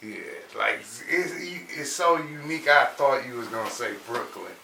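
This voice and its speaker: A man's voice: mid-range voice, lively intonation, normal speed, vocal fry, sharp tone, distant mic, a little hiss or hum. A man hosting a casual interview, loose and slangy, often restarting his sentences. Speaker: interviewer, host. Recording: echoey room, voice off-mic.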